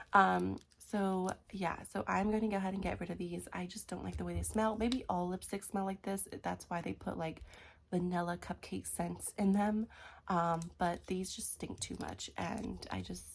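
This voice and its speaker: A young woman with a morning voice chatting casually as a beauty vlogger, filling her pauses with "um". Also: mid-range voice, gravelly, a little hiss or hum. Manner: chatty, frequent "um" fillers. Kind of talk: casual makeup declutter chat.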